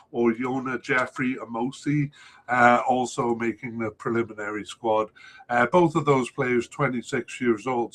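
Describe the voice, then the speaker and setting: A man's voice: medium pitch, sharp tone. A man hosting a solo soccer preview podcast, talking through squad lists with many hesitations and filler sounds. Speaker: podcast host.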